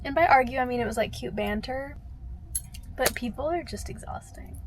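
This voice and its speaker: A young woman with a high, bright-sitting voice talks straight to camera in a loose vlog ramble. She rants with plenty of fillers and curse words, dropping to low mutters then bursting out loud. A faint hum of ambience sits behind her. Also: normal speed, low-quality recording. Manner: animated and ranting, swings from low mutters to loud outbursts; heavy filler use, frequent swearing. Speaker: vlogger. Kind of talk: casual chat to camera.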